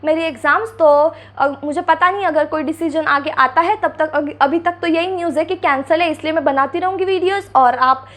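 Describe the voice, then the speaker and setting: A woman's voice: sits high, fairly quick, hardly any pauses, a bit bright. A young woman vlogging from a chair, answering critics with sarcasm, on a clip-on mic. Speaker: beauty vlogger. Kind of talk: casual reaction vlog. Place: seated indoors before a ring light and backdrop.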